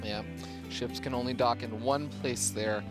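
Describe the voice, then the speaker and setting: A man's voice: mid-range voice, fairly even intonation, loud music behind the voice. A man casting a live esports match, playful and joking between play-by-play calls. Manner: playful, quick jokes. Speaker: esports commentator.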